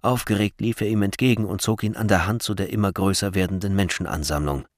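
A man narrating a storybook in a lively, dramatic way. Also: on the low side, fast, no room sound, clean studio sound. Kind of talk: storybook reading.

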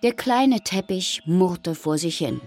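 A woman narrating a children's storybook in a calm, gentle way. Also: lowish voice, slow. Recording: faint music behind.

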